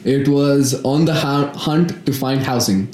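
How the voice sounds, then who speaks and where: A man's voice: mid-range voice, fairly even intonation, a little slow, darkish tone. A young man from South India, a guest chatting casually on a podcast and laughing through his stories. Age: young adult. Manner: friendly, laughs while telling stories. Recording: echoey room.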